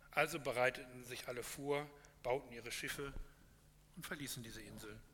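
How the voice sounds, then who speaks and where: A man's voice: mid-range voice, bright, forceful tone. A man giving an earnest, encouraging sermon close and reading a parable aloud, with some hesitations. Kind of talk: sermon closing with a read parable. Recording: echoey hall with faint hum.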